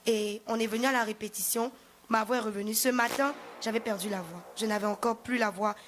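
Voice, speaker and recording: A woman's voice: on the high side, fairly even intonation, fairly quick, slight background noise. A young woman from the congregation giving a personal testimony, telling her story plainly step by step. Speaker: church member giving testimony.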